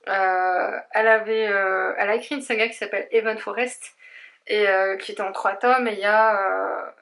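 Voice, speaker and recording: A woman's voice: mid-range voice, steady tone, moderate pace, creaky, fairly bright tone. A woman book blogger chatting casually at home about her new books, rambling and poking fun at herself, with many hesitations. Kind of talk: casual book haul vlog. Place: home room.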